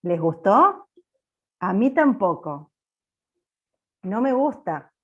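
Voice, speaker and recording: A woman teaching an accounting class over a video call, with a loud, bossy-sounding manner. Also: medium pitch, very animated, slow pace, slightly rough, narrow, tinny audio. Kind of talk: online class lecture.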